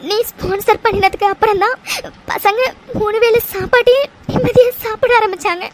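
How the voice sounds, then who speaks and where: A woman voicing an emotional young woman in a cartoon love story, halting and tearful as she thanks her fiancé. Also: very high voice, heavy background noise. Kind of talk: cartoon voice acting.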